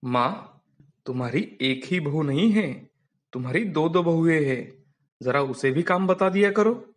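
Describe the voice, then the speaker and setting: A man's voice: a little high, animated, measured pace. A man voicing an earnest young son who pleads with his mother and argues for fairness in a cartoon story. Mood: pleading. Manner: pleading, reasoning, frustrated.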